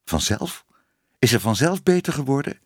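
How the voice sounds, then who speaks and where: A man's voice: mid-range voice, big pitch swings, normal speed, husky, no room sound, clean studio sound. A man voicing a shy, hesitant young woman who used to be a cat. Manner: timid, hesitant.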